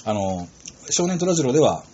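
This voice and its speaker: A man's voice: mid-range voice, moderate pace, dull audio, slight background noise. A man chatting casually and enthusiastically, retelling scenes with lots of feeling. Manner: animated storyteller, acts out quotes. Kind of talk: casual chat about a TV drama.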